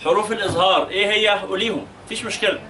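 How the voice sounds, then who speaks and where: A man's voice: sits high, racing, pushed and bright, far from the mic, slight background noise. A man with an Egyptian accent teaching a tajweed lesson, questioning his students patiently and stretching out recited words to show the rules. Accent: Egyptian Arabic.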